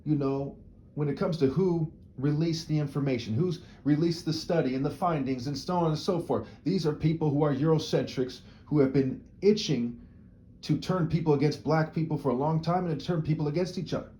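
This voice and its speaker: Mellow-voiced man in a rambling monologue. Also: a little high, a little fast. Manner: rhetorical, checks in with frequent "right?" tags; discursive, repeats words while restarting sentences. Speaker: video commentator. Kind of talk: opinionated solo monologue.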